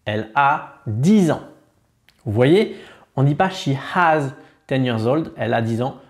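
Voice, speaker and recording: Young French-accented male teacher, slow, lively pitch, careful model pronunciation for beginners. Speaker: English teacher. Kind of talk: beginner language lesson.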